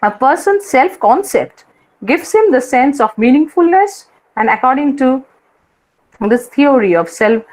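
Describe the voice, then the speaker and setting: A woman's voice: high voice, sing-song, a little slow, darkish tone, rough recording. A woman lecturer with an Indian English accent teaching a class, repeating her points and often asking students whether they follow.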